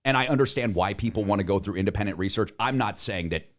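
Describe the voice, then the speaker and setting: A man's voice: fairly low pitch, fast talker, a bit bright. An American man hosting a podcast, riffing in a casual, opinionated way with emphatic asides. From United States. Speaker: podcast host.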